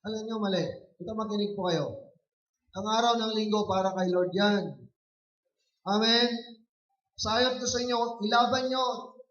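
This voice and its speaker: A man preaching a sermon as a pastor, often shouting calls for applause. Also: high-pitched, fairly even intonation, a little slow, long pauses. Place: church hall. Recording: muffled, echoey church recording from far off.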